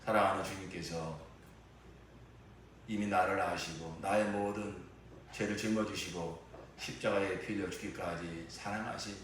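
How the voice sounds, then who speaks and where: A man's voice: sits low, steady tone, moderate pace, a bit bright, a little hiss or hum. A male pastor preaching a sermon, earnest and fervent, acting out voices from a story. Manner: earnest preaching, acts out dialogue in a story, rising to fervent pleas. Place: church sanctuary. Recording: very echoey church hall, voice from far off.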